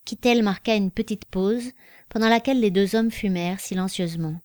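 Woman narrator, audiobook reading, even literary delivery, dry close sound. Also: medium pitch, normal speed, no room sound.

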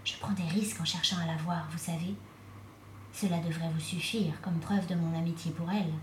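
A woman reading the lines of a soft-spoken, urgent noble man in an audiobook, half-whispering, in an echoey room. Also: on the low side, steady tone, a little fast, a little hiss or hum, natural voice. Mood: hushed.

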